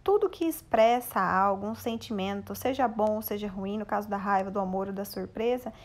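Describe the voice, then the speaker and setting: A woman's voice: mid-range voice, normal speed. A woman teacher with a Brazilian Portuguese accent, giving a recorded lesson for children and patiently guiding the class with questions.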